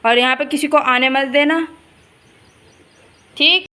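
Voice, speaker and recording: A young woman vlogging at home into her phone, talking casually to her viewers in a high voice. She sounds tired and unwell. Faint household noise sits under her voice. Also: fairly even intonation, slow pace, sharp tone, rough recording. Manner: chatty, laughs often, talks to viewers and to a cow. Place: indoors and in yard of a home.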